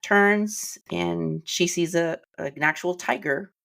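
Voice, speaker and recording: A woman with a very deep, gravelly voice co-hosts a casual film podcast. She talks through a film's ending in a reflective way and stops to steady herself when it moves her. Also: slow pace. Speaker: podcast co-host.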